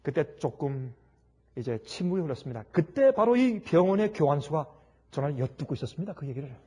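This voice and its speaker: A man's voice: fairly high pitch, big pitch swings, a little fast, mellow. A man preaching a sermon, telling a story dramatically and acting out its people.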